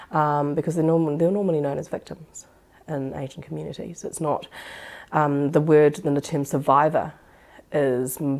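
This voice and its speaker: A woman with a low, slightly mellow voice and some vocal fry explains her field in a reflective interview, picking her words carefully and with hesitation. Born in Singapore and now living in Auckland, New Zealand, she is an expert on supporting survivors of sexual violence.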